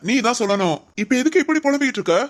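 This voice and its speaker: A woman's voice: medium pitch, animated, quick pace, natural voice. A woman voicing a young husband in a family audio drama, teasing and reassuring his wife. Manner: scolding yet affectionate, reassuring.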